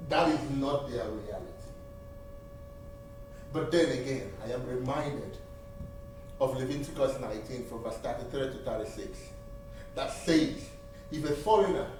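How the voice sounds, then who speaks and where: With a darkish, mid-range voice whose pitch swoops wildly, a seminary graduate speaks a little slowly and leaves long pauses during an earnest church testimony and appeal, repeating key phrases for emphasis. He is Nigerian, Igbo by first language, with a Nigerian accent. The church sanctuary recording is distant and roomy, with a little hiss or hum.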